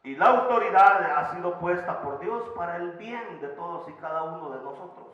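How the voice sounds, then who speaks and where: Male pastor, sermon, fairly high voice, booming echo of a church hall. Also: expressive, normal speed. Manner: preaching with swings between loud emphasis and soft asides. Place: church sanctuary. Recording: echoey church hall, slightly dull sound.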